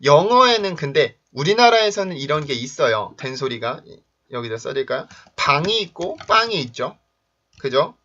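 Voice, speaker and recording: A man teaching English pronunciation in a video lesson, explaining sounds and drilling example words in a clear, punchy way. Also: on the high side, sing-song, moderate pace, pushed and bright. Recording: dull lo-fi recording.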